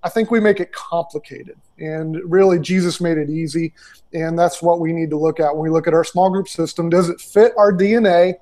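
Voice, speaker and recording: This fortysomething ministry consultant has a fairly high but dark voice with a steady tone, and he talks briskly. He's answering interview questions on a video call via an earbud headset in a small indoor room, with many fillers and false starts.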